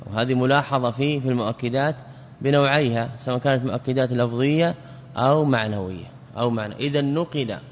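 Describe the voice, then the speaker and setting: A man's voice: medium pitch, slight background noise. A man giving a classical grammar lesson, who explains by repeating words and asking himself questions. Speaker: teacher of Arabic grammar. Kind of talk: classical lecture. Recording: dull lo-fi audio with reverb.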